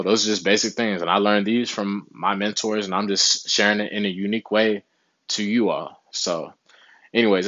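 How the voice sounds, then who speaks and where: This vlogger, a young adult, gives relaxed motivational advice on health from a small room with a window behind, peppering it with "you know what I'm saying." The lo-fi, echo-free recording captures a lowish, slightly bright voice.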